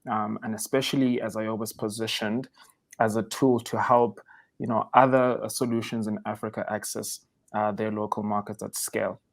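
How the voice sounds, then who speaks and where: A man hosting an interview, asking questions in a conversational, encouraging way. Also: lowish voice. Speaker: host.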